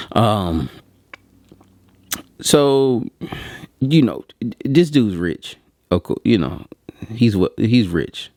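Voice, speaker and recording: In clean studio sound with no room echo, a print shop owner with a low, slightly mellow voice talks casually to his viewers. He rambles through a slangy, conversational story and acts out bits of the quoted dialogue.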